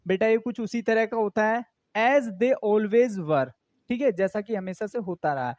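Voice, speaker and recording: A man's voice: sits high, a little fast, darkish tone, no echo. Male teacher quizzing students. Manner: explains in Hindi with English terms, asks students repeated questions. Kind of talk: exam-prep English grammar class.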